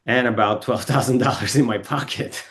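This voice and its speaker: This Bulgarian podcast guest has a medium-pitched, slightly bright voice with fairly even intonation and normal pacing. He spins rambling car stories in a relaxed studio interview, self-correcting constantly amid ums and restarts.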